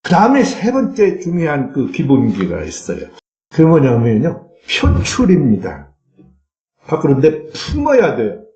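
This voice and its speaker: A man's voice: fairly high pitch, wildly swooping pitch, measured pace, darkish tone. A man preaching a Sunday sermon as pastor, reading scripture aloud and breaking into fervent cries. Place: church sanctuary. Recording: echoey church sanctuary.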